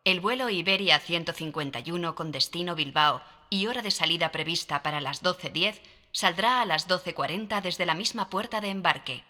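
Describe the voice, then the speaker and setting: A woman's voice: fairly low pitch, normal speed, bright, forceful tone. A woman voicing a formal airport announcement, in a scripted public-address style. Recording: long reverberant public-address hall echo.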